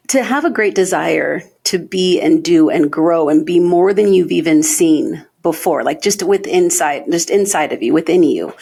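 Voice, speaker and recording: A woman's voice: on the low side, gravelly, mellow, breathy edge. A woman hosting a podcast, asking a guest a long question, searching for words and rephrasing as she goes. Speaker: podcast host. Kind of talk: interview questions.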